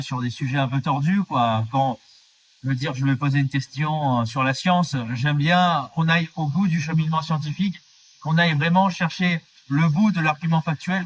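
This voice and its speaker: Earnest baker from the Drôme, set back from mic. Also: male voice, fairly high pitch, distant mic. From France, Drôme. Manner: earnest, explanatory, lively. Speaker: baker, guest. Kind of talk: interview answers.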